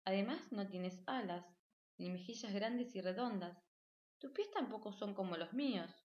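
A woman voicing a small, lonely yellow bird boy who pleads tearfully for a mother. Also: medium pitch, moderate pace, roomy sound, dull audio, lightly acted. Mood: pleading.

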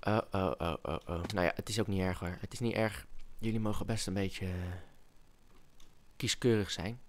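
A young man casually talking through a game as a YouTuber, excitable and chatty, dropping to whispers and coaxing in-game animals. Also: on the low side, normal speed, a little hiss or hum. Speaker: gaming YouTuber. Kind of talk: casual Let's Play commentary.

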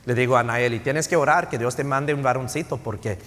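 In a church sanctuary thick with long hall reverb, a middle-aged pastor gives a sermon that alternates between Spanish and English, often ending phrases with tag questions. His voice sits at medium pitch, fairly bright, and he talks briskly.

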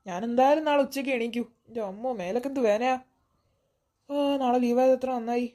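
A woman's voice: on the high side, fairly quick, dark tone, natural voice. A woman voicing a tired, jumpy woman home from work in a cartoon, muttering to herself. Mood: weary. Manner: muttering to herself, easily scared.

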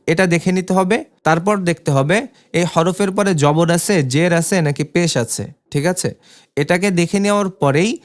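A man teaching Quran reading in a recorded online lesson, slowly chanting and repeating letter sounds, patiently checking in with his students. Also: sits high. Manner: patient, coaxing teacher who checks in with frequent questions.

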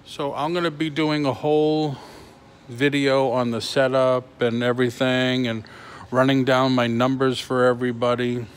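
Recording himself on a handheld phone held at arm's length or closer, a middle-aged man livestreams while reselling toys in a large indoor antique mall booth with concrete flooring. His mid-range voice is flat in delivery, and he speaks casually and haltingly, reading and answering comments. Clear ambient noise fills the background.

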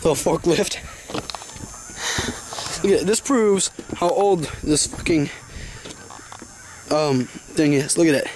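Young guy vlogging outdoors, somewhat high voice, swears a lot, joking, winded; noisy outdoor camera audio. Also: slow pace, pauses often, darkish tone. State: out of breath. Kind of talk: casual chat while hiking. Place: outdoors by a lake. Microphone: handheld camera.

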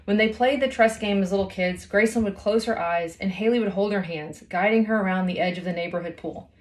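A woman in her thirties reads a children's novel aloud like a storyteller, her voice medium in pitch and brisk. She's recording at home in a small indoor room.

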